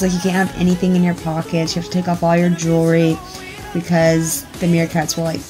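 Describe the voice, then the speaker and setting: A woman's voice: on the low side, a little mellow. A young woman chatting casually in a travel vlog, upbeat and giggly. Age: young adult. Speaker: vlogger.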